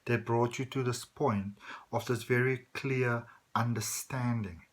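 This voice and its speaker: A man with a mid-pitched voice gives a spiritual tarot reading as a fortune teller. He addresses the listener directly and conversationally. His phrasing is halting and thought out as he goes, with frequent little check-ins. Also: fairly even intonation. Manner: conversational, halting, often checking in with okay and you know. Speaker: tarot card reader.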